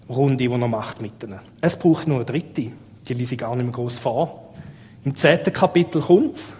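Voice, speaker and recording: A man's voice: mid-range voice, darkish tone. A man preaching a sermon with a Swiss German accent, talking conversationally and asking his listeners rhetorical questions. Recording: long reverb of a large hall.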